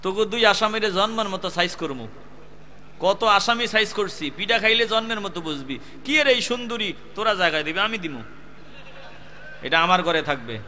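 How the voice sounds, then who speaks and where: Menacing bully cop, as a preacher voices him. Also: male voice, high-pitched, expressive, normal speed, pushed and bright, heavily acted. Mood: threatening. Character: bullying, threatening male police officer.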